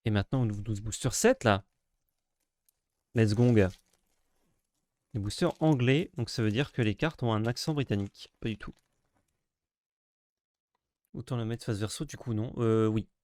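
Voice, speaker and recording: A man's voice: normal speed, pauses often, dry recording, clean studio sound. Sarcastic man joking through a card unboxing. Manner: sarcastic, self-mocking banter with crude jokes; breaks into sudden high excited yelps. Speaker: streamer opening card packs. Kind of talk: casual unboxing commentary.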